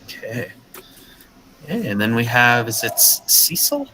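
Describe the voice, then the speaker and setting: A man from the teaching a beginner English class over a video call, patient and clear, with a friendly welcoming manner. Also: medium pitch, big pitch swings, measured pace, background noise. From United States, Minnesota. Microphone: video call headset or webcam mic.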